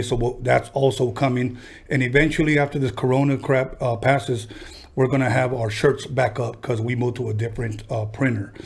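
A man's voice: mid-range voice, darkish tone. Laid-back male podcast host in a small studio. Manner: easygoing, hyped introductions. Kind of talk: casual interview chat. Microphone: desk mic on a stand.

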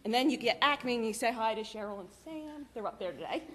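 A woman giving lively, chatty announcements to a church congregation, laughing often. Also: on the high side, fast talker, a little hiss or hum. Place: church sanctuary. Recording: long church reverb.

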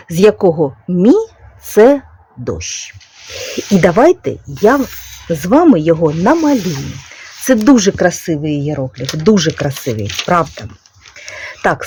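A woman with a Ukrainian accent talks in a relaxed, chatty way, her pitch rising and falling freely. Her voice is mellow and warm, and the recording is close and dry. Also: husky, no echo. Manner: chatty and unhurried, with soft diminutives. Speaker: knitting vlogger. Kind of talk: casual chat, explaining calligraphy.

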